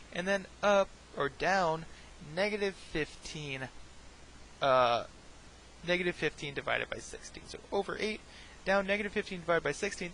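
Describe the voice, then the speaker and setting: A man's voice: on the high side, vocal fry, a bit bright, slight background noise, rough recording. A man teaching a recorded math lesson, talking each step through, often checking in with "right?" and dropping jokey, self-deprecating asides.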